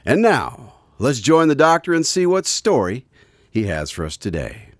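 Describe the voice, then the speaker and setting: A man's voice: medium pitch, huge pitch swings, normal speed, slight background noise. A man playing an eager, joking host and announcer on an old-time style radio show. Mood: showy.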